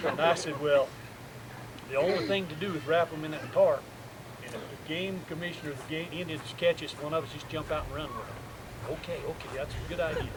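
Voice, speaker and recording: A man telling a folksy hunting story at a campfire gathering outdoors. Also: a little high. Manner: folksy rural yarn-spinning. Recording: loud outdoor noise. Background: outdoor noise.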